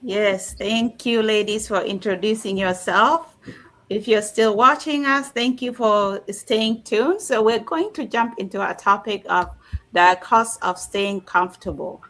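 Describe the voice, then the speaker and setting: A woman hosting a live stream panel, talking in a relaxed way with fillers and pauses. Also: mid-range voice, low-quality recording. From Canada.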